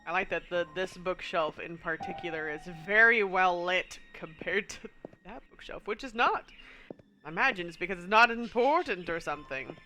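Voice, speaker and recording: A woman with a stuffy nose streams a puzzle game, musing aloud, casually reading in-game text and chuckling often. Her fairly low voice is at normal speed with a sharp tone, and a little hiss or hum is audible.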